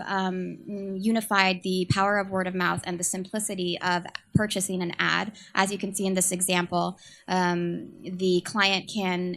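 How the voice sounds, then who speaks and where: A young woman from San Francisco, working as communications manager, gives a startup pitch in a quiet voice with vocal fry, nervously hesitating through many ums and uhs.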